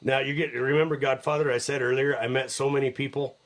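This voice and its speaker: A middle-aged man hosting a live podcast, speaking at an ordinary middle pitch. He rambles enthusiastically and repeats words as he talks. His tone is casual and friendly, like a host talking to listeners who have tuned in. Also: flat delivery, fast talker.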